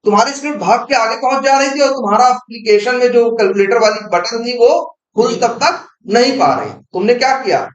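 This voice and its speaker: High-voiced man teaching code, echoey room. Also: fairly quick, few pauses. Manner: explains with rhetorical questions he answers himself. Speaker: programming teacher. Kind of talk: informal coding lesson.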